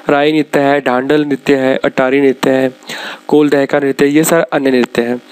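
Brisk man with a raised voice. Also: on the high side, darkish tone, smooth. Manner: brisk, lists items one after another with frequent pauses to explain. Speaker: exam-prep teacher. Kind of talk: slide-based lecture.

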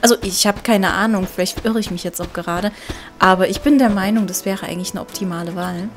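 A woman's voice: medium pitch, fast talker. A woman giving casual game commentary as a let's player, chatty and thinking aloud. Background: game music.

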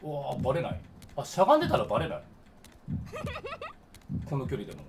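A young man giving jokey, excitable commentary while playing a game. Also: mid-range voice, fast, vocal fry, background noise. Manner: excitable, jokey, reacting out loud. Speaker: game streamer. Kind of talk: let's play commentary.

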